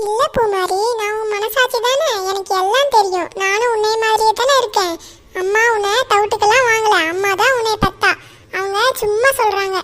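A woman voicing a little girl's consoling conscience in a cartoon, speaking softly and gently. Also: extremely high pitch, fairly quick. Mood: soothing. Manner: soft, consoling. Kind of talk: cartoon voice acting.

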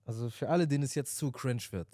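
A young man co-hosting a podcast in casual chat, relaxed and giving short affirming replies. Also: mid-range voice, fast, no room sound, studio quality. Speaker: podcast co-host.

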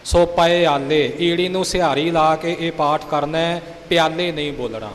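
A man's voice: a little high, moderate pace. Man correcting pronunciation, sounding out words. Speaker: teacher. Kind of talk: pronunciation lesson. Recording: hall reverb with faint hiss.

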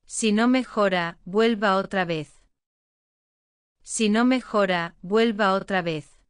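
A woman with a mid-range voice works slowly through lesson phrases, repeating every one twice and enunciating with care. The sound is smooth and crisp, recorded dry on a close mic without echo.

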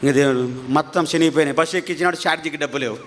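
A middle-aged man recounts his testimony in a voice that sits a little high for a man. He is emphatic and repetitive, and his pitch surges upward at the tense moments. A faint hum of ambient noise lies under his voice. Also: racing. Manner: emphatic, repeats phrases, voice climbs when excited. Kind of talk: emotional testimony storytelling.

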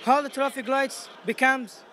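At a busy indoor exhibition booth, a very high-pitched Afghan teen competing as a student describes his project to an interviewer in halting English. His tone is steady, pushed and bright, picked up by a handheld mic amid event hall noise and some chatter behind.

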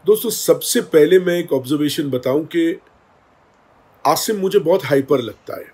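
Brief: male vlog commentator, chatty and opinionated, somewhat high voice. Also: normal speed, a little hiss or hum. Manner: animated, gossipy, opinionated. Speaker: host.

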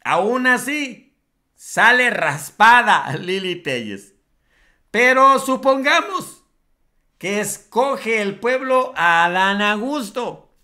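A man's voice: sits high, big pitch swings, takes it slowly, bright, forceful tone. A man with a Mexican accent giving scornful, emphatic political commentary for a vlog, drawing out his words.

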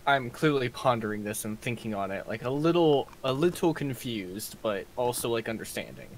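A man's voice: medium pitch, lively intonation, moderate pace, a little hiss or hum. A man joking and chatting as a player in an online tabletop game.

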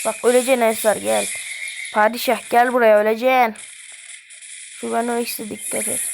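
A woman hosting a gaming channel, giving excitable, slangy live commentary and trash-talking the game as she plays. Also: a little high, moderate pace, vocal fry, background noise. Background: game music.

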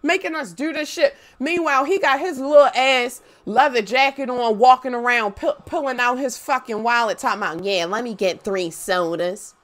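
A young woman chatting casually on a live stream, telling stories in an animated, profane way. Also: high voice, fairly quick, hardly any pauses. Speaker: gaming livestreamer.

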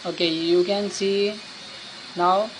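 A man giving a plain step-by-step software tutorial over a screen recording, with frequent fillers and restarts. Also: high voice, fairly even intonation, takes it slowly, background noise. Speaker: tutorial host.

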